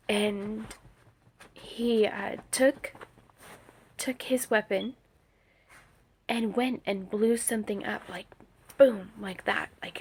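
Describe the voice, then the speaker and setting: A woman's voice: fairly high pitch, a little hiss or hum. A woman telling a personal dream story in a rambling way, full of fillers and restarts, with talk of prayer. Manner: religious, speaks of prayer. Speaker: vlogger sharing a dream vision.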